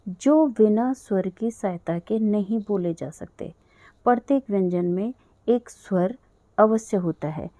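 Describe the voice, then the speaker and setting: A woman teaching a language lesson to children, patiently spelling out sounds slowly and repeating them. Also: medium pitch, mellow, dry recording.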